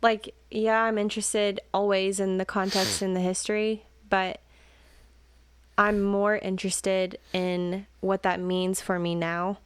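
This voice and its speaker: Young female co-host, smooth clear tone, thinks aloud with "like" and "um"; dry sound. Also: medium pitch, little pitch movement, unhurried, no room sound. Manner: thoughtful, filler-heavy, joking asides. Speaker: podcast co-host. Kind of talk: casual chat.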